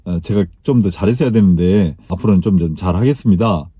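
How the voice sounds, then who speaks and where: Man doing a calm junior officer with a low, husky voice, earnest and polite in a spoken story. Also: dry recording. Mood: earnest, respectful. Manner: respectful, measured speech.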